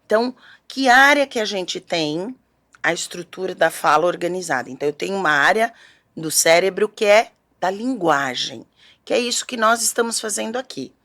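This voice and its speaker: Woman, speech therapist, low voice, didactic interview guest. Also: animated, moderate pace, a bit bright. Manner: didactic, explains step by step with frequent "né?". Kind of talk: explanatory interview talk.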